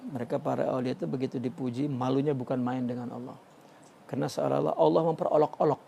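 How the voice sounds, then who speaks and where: A man teaching a religious text study, speaking haltingly with many restarts and a filler "ya" between phrases. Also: mid-range voice, steady tone, creaky, mellow, a little hiss or hum. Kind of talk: Sufi text study lecture.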